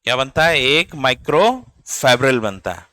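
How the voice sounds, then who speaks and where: A man's voice: medium pitch, sing-song, moderate pace, sharp tone, no room sound. A man, teaching biology in a classroom lecture, explaining step by step and checking in with his students. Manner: spells out words letter by letter.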